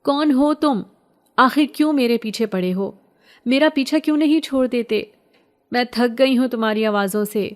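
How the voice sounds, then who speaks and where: A woman's voice: medium pitch, a little mellow, close to an everyday voice. A woman voicing a scared but headstrong young village girl, pleading and defiant by turns. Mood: agitated.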